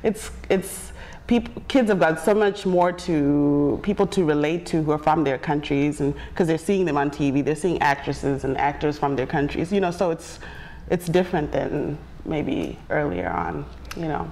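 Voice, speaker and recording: A woman's voice: sits low, normal speed, a little mellow. A woman from Zimbabwe, co-hosting a casual talk show and laughing often. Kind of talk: casual chat. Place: bright living-room studio set.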